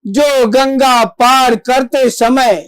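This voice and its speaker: A stage actor with a high, clear, resonant voice performs a devotional monologue as a reverent, valiant divine monkey messenger. The diction is formal and declamatory with dramatic pauses, though the delivery is flat, and there's no echo.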